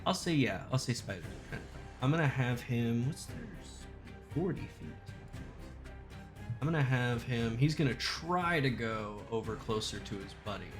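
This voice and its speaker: A man's voice: mid-range voice, expressive, moderate pace. A man acting as game master, talking casually and slangily, joking as he explains rules and narrates play. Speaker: game master of a tabletop role-playing game. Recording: music playing behind the voice. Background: music.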